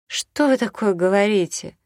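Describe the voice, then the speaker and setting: A man's voice: high-pitched, normal speed, no echo, studio quality, pitched above the performer's own voice, natural voice. A man voicing a tearful, worn-out young mother. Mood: pleading.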